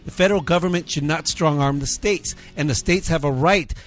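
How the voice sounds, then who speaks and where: A man with a slightly high voice is hosting a talk show in the thick of a heated pundit debate. He argues insistently, repeating phrases to hold the floor. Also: fairly quick, faint music behind. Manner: insistent, argumentative, repeats himself to push through interruptions.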